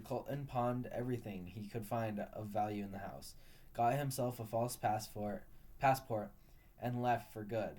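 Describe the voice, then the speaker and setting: Male storyteller, warm low-brightness tone, steady read-aloud delivery. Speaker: narrator.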